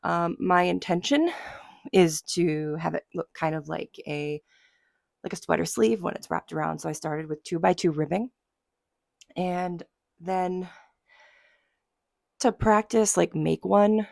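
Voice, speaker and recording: A woman in her thirties, hoarse from a summer cold, chatting casually and rambling as a knitting vlogger. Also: fairly low pitch, fairly even intonation, measured pace, pauses often, darkish tone, no room sound, studio quality. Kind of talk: casual chat.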